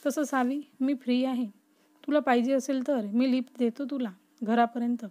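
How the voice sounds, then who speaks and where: Woman narrator playing an eager young man, persuasive, bright-pitched. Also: fairly even intonation, moderate pace, close to an everyday voice.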